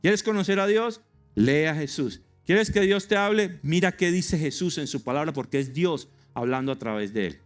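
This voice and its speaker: A man's voice: on the high side, animated, moderate pace, soft background music. A male pastor preaching a sermon in an emphatic way, firing rhetorical questions with humorous asides to a congregation.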